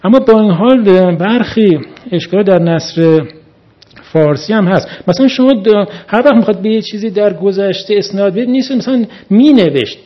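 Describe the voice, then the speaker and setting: High-voiced man giving a methodical critique. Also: lively intonation. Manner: methodical, critical, talks through examples. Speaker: reviewer of a translated book. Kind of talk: critique at a panel. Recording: dull lo-fi recording.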